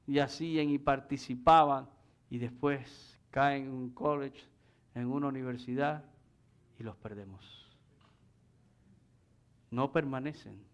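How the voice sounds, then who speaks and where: A man with a mid-range voice preaches a didactic sermon, explaining scripture, sharing anecdotes, and posing rhetorical questions to his listeners. The recording is muffled.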